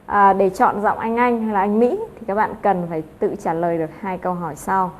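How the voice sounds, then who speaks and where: A woman's voice: mid-range voice, fairly even intonation, brisk, a little hiss or hum. A woman teaching an English lesson, explaining step by step with frequent filler sounds.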